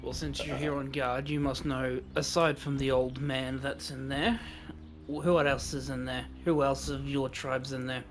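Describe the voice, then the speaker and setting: A man's voice: medium pitch, flat delivery, moderate pace, soft background music. A man taking part as a player in casual tabletop role-play.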